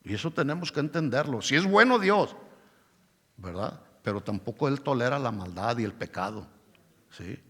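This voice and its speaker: A man's voice: medium pitch, animated, moderate pace, fairly bright tone. A male pastor preaching a sermon with emphasis, often checking in with the congregation. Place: church hall. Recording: long church hall reverb.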